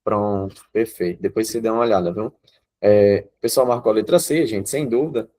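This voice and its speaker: A man's voice: lowish voice, fairly quick, warm tone. A man with a Brazilian accent teaching an online grammar class. He explains step by step and keeps checking in with his students. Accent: Brazilian Portuguese.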